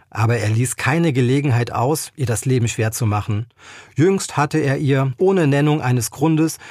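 A man, an author, reading his own crime novel aloud in a measured, expressive way. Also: medium pitch, no echo, clean studio sound.

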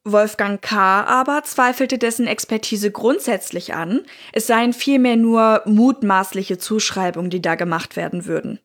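A woman's voice: medium pitch, unhurried, hardly any pauses. A woman co-hosting a true-crime podcast, reading a script and adding personal asides to the listeners. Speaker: podcast co-host.

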